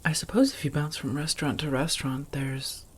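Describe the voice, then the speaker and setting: A soft-spoken woman voices a refined, doting vampire roommate in ASMR roleplay, using formal phrasing and coy pet names, often almost whispering. Her low, husky voice has fairly even intonation and a fairly quick pace, with a warm, impressed mood.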